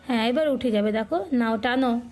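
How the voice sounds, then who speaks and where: High-voiced woman teasing her child. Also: fairly quick, a little mellow. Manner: teasing, sing-song coaxing. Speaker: vlogger, mother filming her son. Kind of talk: playful casual chat with a child.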